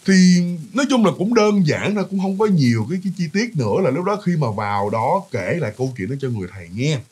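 A man's voice: a little high, husky. A man with a Southern Vietnamese accent, telling a ghost story casually, chatty and full of fillers and repeats, talking straight to his listeners.

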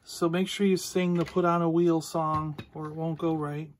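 A man's voice: fairly high pitch, level tone, moderate pace. A man hosting a casual toy unboxing, rambling easily as he handles the pieces and talks through them. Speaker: toy reviewer and podcast host.

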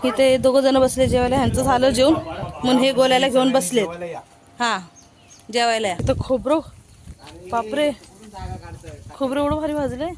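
A woman's voice: high voice, steady tone, normal speed, pauses often, a crowd in the background. A woman, chatting casually as she shows her family and rural home in a vlog. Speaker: vlogger. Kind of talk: casual village vlog narration.

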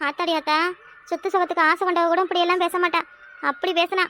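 A fretful, complaining cartoon village wife, voiced by a woman. Her voice is extremely high and fast, with a southern Tamil Kanyakumari accent. She laments and grumbles as she talks. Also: little pitch movement, sharp tone, a little hiss or hum. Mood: lamenting. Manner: complaining, lamenting, exclaims to herself. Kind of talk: cartoon voice acting.

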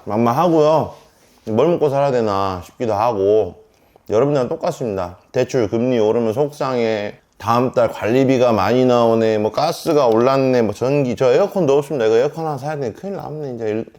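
Chatty man in his thirties, lively pitch. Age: 30s. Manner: chatty, talks to viewers while eating. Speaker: mukbang vlogger. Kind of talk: casual eating vlog chat. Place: at home.

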